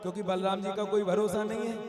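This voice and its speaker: A man doing a young divine prince who sounds worried and commanding by turns, his high voice giving out orders. It echoes through a roomy hall over devotional music. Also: flat delivery, fast, natural voice. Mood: instructing.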